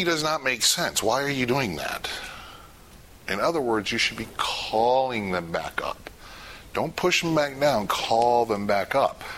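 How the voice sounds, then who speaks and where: A man teaching a casual spoken class, chatty and quick to laugh, acting out little scenes as he explains. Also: medium pitch, fairly bright tone, a little hiss or hum. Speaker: class instructor.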